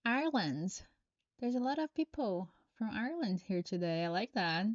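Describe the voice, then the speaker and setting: Speaking English with a Brazilian Portuguese accent, this Brazilian woman reads tarot live and voices viewers' questions before answering them in a slow, hesitant manner. She is very animated at a medium pitch. The recording sounds dry and dull.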